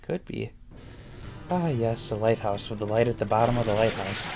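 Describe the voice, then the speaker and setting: A man hosting a let's play with casual game commentary, dry and laconic with deadpan quips. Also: lowish voice, normal speed, gravelly. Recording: game music playing behind.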